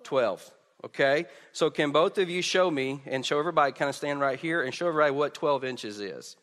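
Male pastor, pulpit microphone, church hall reverb, slightly high voice, halting repeats. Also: a bit bright. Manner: halting, repeats words, joking asides. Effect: speaking into a pulpit microphone. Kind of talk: sermon with children's object lesson. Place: church sanctuary.

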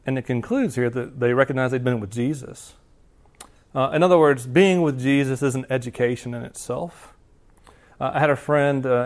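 Casual, animated male pastor preaching. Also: mid-range voice, creaky. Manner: casual and animated, often acting out quoted lines. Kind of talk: conversational sermon.

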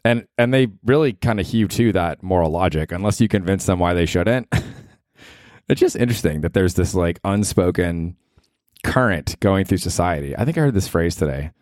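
A man's voice: sits low, expressive, normal speed, darkish tone, no echo, studio quality. An American man hosting a solo comedy podcast in casual chat, profane, rambling and self-mocking. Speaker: podcast host.

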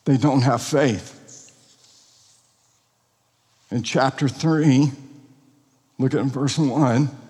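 A man's voice: medium pitch, drawn-out words, long pauses, darkish tone, in a large hall. A pastor preaching an expository sermon, earnest and emphatic, asking rhetorical questions of his congregation.

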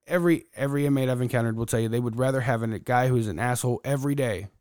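Blunt, profane man with a smooth voice. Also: mid-range voice, very fast, a little mellow, no room sound, studio quality. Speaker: corrections officer guest. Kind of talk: casual podcast chat.

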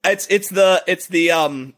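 A young man chatting casually on a podcast, rambling and excitable, swearing and breaking into shouted quotes. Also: high-pitched, unhurried. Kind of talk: casual chat.

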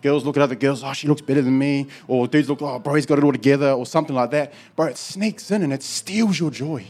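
A man's voice: mid-range voice, quick pace, a little mellow. A man with a broad New Zealand accent giving an informal church testimony in slangy, colloquial, matey speech. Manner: slangy and colloquial, often saying "bro".

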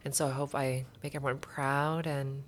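A woman's voice: rumbling low, little pitch movement, moderate pace, a little hiss or hum. A woman from Canada, a bubbly guest who laughs often in a casual podcast interview.

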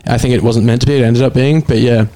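A man in his thirties with an Australian accent, telling stories in casual podcast chat as a musician guest, relaxed with swearing and fillers. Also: mid-range voice, fast. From Brisbane, Australia. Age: 30s.

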